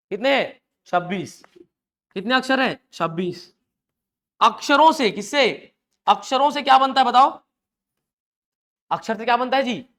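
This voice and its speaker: A man's voice: very high voice, a bit bright. A man teaches a live class and talks easily to his students. He throws out a question, answers it himself and repeats the word so that it sticks. He mixes in homely examples and mild jokes. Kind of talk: live online class lecture.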